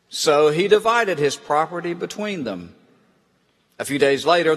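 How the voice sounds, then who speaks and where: A man's voice: a little high, a bit bright. Man reading scripture in an echoing church. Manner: measured, deliberate reading. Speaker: scripture reader. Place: church sanctuary. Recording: echoey church with long reverb.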